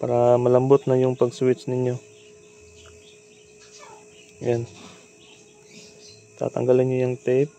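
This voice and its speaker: Steady background noise and insect-like chirping accompany a Filipino-accented man casually explaining a hands-on repair while working. His medium-pitched voice is gravelly and slow, with long pauses, and his manner is informal and instructional.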